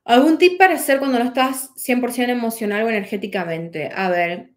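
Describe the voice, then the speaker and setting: A woman's voice: a little high, a little fast. A woman, a life coach answering viewer questions in a casual, reflective way, full of fillers and restarts.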